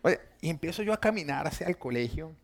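A man, a pastor, preaching a sermon told through personal stories, talking conversationally and dropping to a soft voice for tender moments. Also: on the high side, expressive, fast, gravelly.

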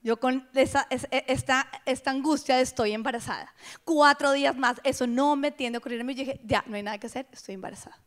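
Woman, middle-aged, high voice, animated testimony, hushed asides. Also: a little fast. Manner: animated storytelling, shifting to hushed whispers. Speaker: speaker at a women's gathering. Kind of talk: personal testimony.

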